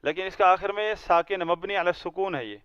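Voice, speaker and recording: A man's voice: sits high, fairly bright tone, clean tone, no room sound, lo-fi sound. A man teaching a language class, patiently explaining each word and having students read aloud. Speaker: Arabic teacher. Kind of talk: classroom grammar lesson.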